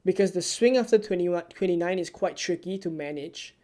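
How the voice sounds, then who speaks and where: In a brisk but soft, low-key, nearly ASMR-like voice, a fantasy football streamer from Singapore takes viewer questions live on stream.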